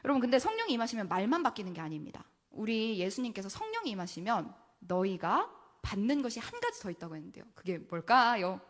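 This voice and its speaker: A woman's voice: mid-range voice, wildly swooping pitch, fast talker. A woman junior pastor preaching a sermon. She repeats key words for emphasis, and she asks the congregation questions and answers them herself. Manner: acts out casual quoted speech. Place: church sanctuary.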